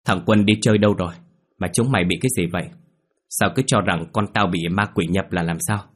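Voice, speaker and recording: A man voicing a bewildered middle-aged mother who scolds and panics, in a low, husky voice. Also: a little fast. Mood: bewildered scolding.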